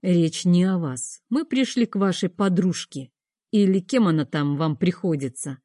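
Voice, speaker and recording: Calm measured debt collector, slow and cool, tall athletic man, dark voice, dry sound, read by a woman. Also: fairly low pitch, no room sound.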